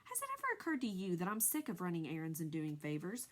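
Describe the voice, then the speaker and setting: A woman's voice: lowish voice, huge pitch swings, fast. A woman voicing a grumpy, lazy, sarcastic male rat in a storybook reading, with a sneering, mocking tone. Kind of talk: storybook read-aloud.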